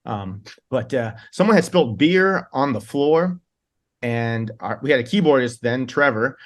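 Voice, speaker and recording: A man, the singer in a band, is a guest in a casual interview, telling long, rambling stories from tour. His mid-range voice is animated and a little slow, and he laughs often and keeps restarting his sentences.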